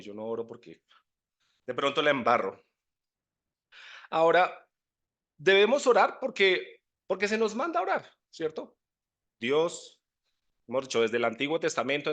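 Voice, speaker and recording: A man's voice: a little high, fairly bright tone. A man giving a conversational Bible teaching, often checking in with listeners. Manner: conversational, often asks "¿cierto?". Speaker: preacher.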